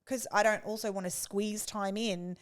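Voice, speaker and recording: Chatty woman with a smooth voice. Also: mid-range voice, steady tone. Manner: chatty, quick agreeing interjections. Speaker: podcast co-host. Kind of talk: casual chat.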